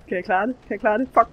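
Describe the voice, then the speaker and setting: A woman giving excitable let's play commentary, swearing and shrieking as she plays. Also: medium pitch, a little hiss or hum. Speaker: gamer.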